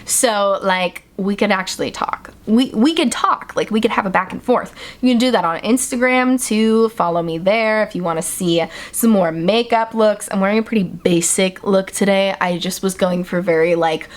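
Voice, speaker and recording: A woman's voice: mid-range voice, normal speed, few pauses. A young adult woman hosting a solo podcast, talking in a chatty, playful way with lots of fillers. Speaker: podcast host.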